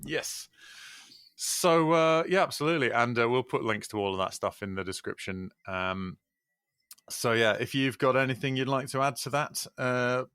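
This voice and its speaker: A man's voice: mid-range voice, a bit bright, smooth, no room sound, studio quality. A man hosting a podcast, chatting casually with lots of ums and uhs in an upbeat way. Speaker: podcast host.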